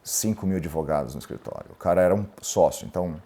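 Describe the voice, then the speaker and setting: A man's voice: sits low, quick pace. A middle-aged man from Brazil, a lawyer and entrepreneur, tells his own story frankly in an interview and acts out what other people said to him. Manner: candid, animated, quotes others in dialogue.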